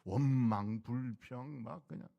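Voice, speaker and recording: Gravelly middle-aged pastor with a mid-range voice, urging the congregation to repeat after him. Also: male voice, medium pitch, slow, highs cut off. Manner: exhorting, repeats calls to the congregation. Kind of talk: sermon.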